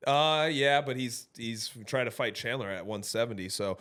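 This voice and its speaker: A man's voice: mid-range voice, moderate pace, a bit bright. A man co-hosting a sports-betting podcast, chatting casually with loose, rambling sentences and frequent laughter. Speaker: podcast co-host. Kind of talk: casual chat.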